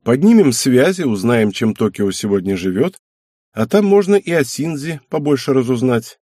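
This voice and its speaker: A man voicing an irritable, tired aristocratic wife and mother in an audiobook, with a husky voice and a snappy, grumbling manner. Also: medium pitch, sing-song, moderate pace, warm tone, dry recording, studio quality. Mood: tense.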